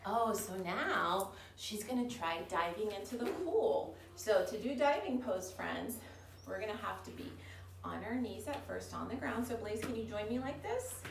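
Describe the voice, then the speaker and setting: A kids' yoga and storytime teacher guides a children's yoga lesson, giving young children simple, encouraging instructions. She speaks at normal speed with medium pitch, lively intonation and vocal fry. The roomy, distant mic catches faint background noise.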